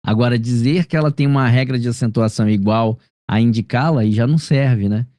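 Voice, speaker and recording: A man's voice: medium pitch, a little fast, mellow, no echo, studio quality. A man with a Brazilian accent tutoring a student one-on-one over a video call, explaining patiently and often checking that she follows. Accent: Brazilian Portuguese. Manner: explanatory, checks understanding with frequent tag questions. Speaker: grammar teacher.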